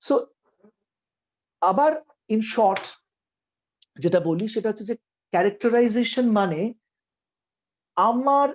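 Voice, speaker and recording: A man's voice: high voice, lively intonation, slow pace, pauses often, lo-fi sound. A middle-aged man teaching a theatre workshop, explaining acting in an earnest, emphatic way and slipping into English phrases.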